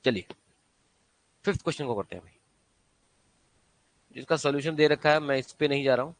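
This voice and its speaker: A man's voice: mid-range voice, a little fast. A man teaching an exam-prep maths lesson, constantly quizzing students with rhetorical questions.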